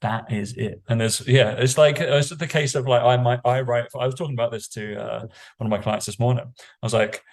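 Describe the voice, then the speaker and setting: A man's voice: medium pitch, fairly even intonation, a little fast. A British man, a fitness coach, chatting casually on a podcast in a blunt, sweary, rambling way.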